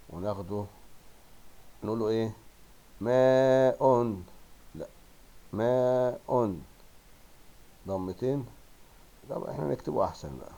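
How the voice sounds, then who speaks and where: A male teacher with an Egyptian accent giving a primary school Arabic lesson, drawing out words slowly and praising pupils. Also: fairly low pitch, vocal fry, dark tone, highs cut off. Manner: coaxing, drawn-out word modeling with praise.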